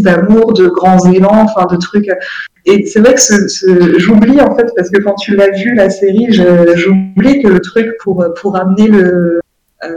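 A woman's voice: medium pitch, a little mellow, roomy sound, dull audio. A woman in a casual chat, rambling with enthusiasm and searching for her words. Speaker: guest on a chat show.

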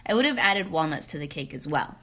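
A woman's voice: low voice, sing-song, a little fast, fairly bright tone. A young woman co-hosting a podcast who tells of a dinner outing in a dry, wry way. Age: young adult. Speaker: podcast co-host.

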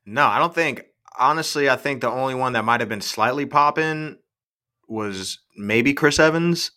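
Easygoing young man, bright tense voice. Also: mid-range voice, normal speed. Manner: easygoing, agreeable, laughs easily. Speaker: podcast co-host. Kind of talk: casual chat.

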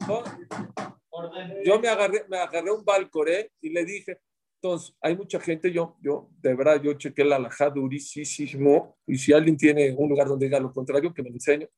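High-voiced man teaching a religious class. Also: fairly even intonation, normal speed, a little mellow. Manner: explanatory, asks the group questions and answers himself. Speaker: rabbi teaching a Torah class. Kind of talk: religious class talk to a small group.

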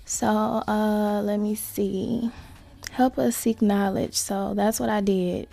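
A woman hosting a casual solo podcast, talking to listeners in slangy, sweary asides with creaky vocal fry. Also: medium pitch, fairly even intonation, slow, warm tone. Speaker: podcast host.

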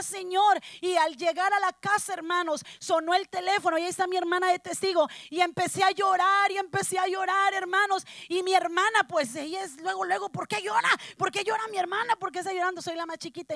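Mujer predicadora de voz aguda. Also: female voice, very high voice, fairly bright tone, no echo, clean studio sound. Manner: addresses congregation as brothers, emotional storytelling. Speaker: preacher giving testimony. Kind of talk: sermon testimony.

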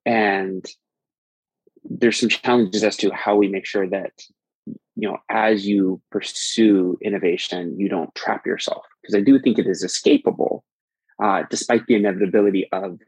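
A man's voice: sits low, fairly even intonation, moderate pace, a little mellow, slightly rough, dry recording, rough recording. A man as a podcast guest, explaining at length in a thoughtful way, often restarting sentences. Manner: thoughtful, frequent restarts and fillers. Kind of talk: conversational explanation.

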